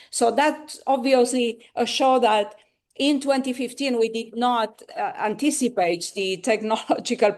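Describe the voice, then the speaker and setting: A woman panel speaker giving formal, explanatory remarks in a measured way. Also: on the high side, darkish tone.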